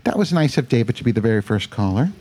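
A man hosts a live call-in show in a casual, chatty way. His pitch rises and falls a lot as he talks, and he laughs easily. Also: animated, fast talker, mellow, slight background noise.

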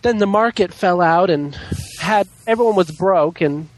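A man's voice: high-pitched, normal speed, poor audio. Campy drag queen, a man with exaggerated inflections. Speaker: podcast guest, drag queen. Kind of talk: casual chat.

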